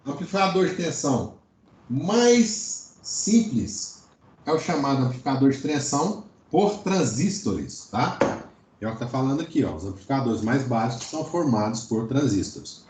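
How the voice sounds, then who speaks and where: A man's voice: mid-range voice, animated, moderate pace, a little mellow, slight background noise. A Brazilian man giving an informal online electronics lecture, explaining things and often checking in with short tags. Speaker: electronics teacher. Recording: roomy, echoing online class audio.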